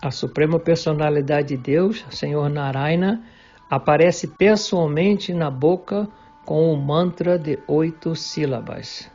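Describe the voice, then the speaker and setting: A man giving a measured, deliberate reading of a devotional religious text. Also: a little high, a little mellow. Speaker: reader of a devotional book. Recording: dull lo-fi recording with faint background music.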